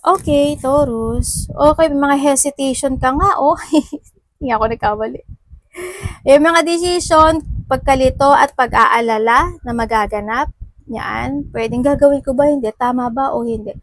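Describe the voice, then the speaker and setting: A woman talks through a tarot reading in a loose, chatty way, full of asides and fillers. Her voice sits on the higher side. It is recorded close and dry, with no room sound. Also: moderate pace, dry recording, poor audio. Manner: chatty, mixing Tagalog and English, with frequent fillers and asides. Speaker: tarot reader. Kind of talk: casual tarot reading monologue.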